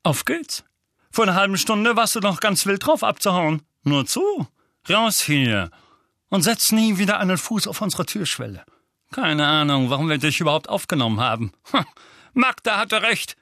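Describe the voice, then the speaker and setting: Storybook bully uncle, purple-faced and yelling, high strained shouts, read by a man. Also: sing-song, moderate pace, dry recording, studio quality, full character voice. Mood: furious. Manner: bellowing, furious. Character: bullying, red-faced middle-aged uncle.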